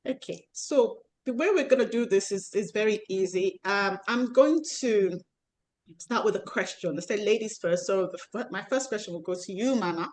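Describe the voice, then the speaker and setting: A woman's voice: mid-range voice, moderate pace, darkish tone, slight background noise. A woman coach hosting an online relationship panel over a video call, talking in a chatty, rambling way with many restarts. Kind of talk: live online panel introduction.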